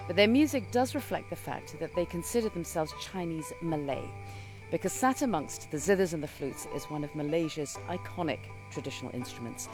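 A woman reporter giving a radio travel report in a measured, descriptive way. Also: low-pitched, animated. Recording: music playing behind.

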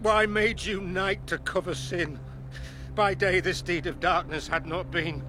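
A man's voice: high-pitched, steady tone, a little slow, noisy background. An actor playing a grief-stricken aging father who declaims anguished verse over a murder in a classical play. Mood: grieving.

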